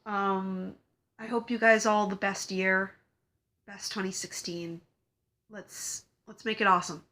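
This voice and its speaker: Young female vlogger, stuffy from a cold, chatty and giggly, bright tone. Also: medium pitch. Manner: rambling, giggly, lots of fillers. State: congested from a cold. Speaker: cosplay vlogger. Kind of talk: casual chat to camera.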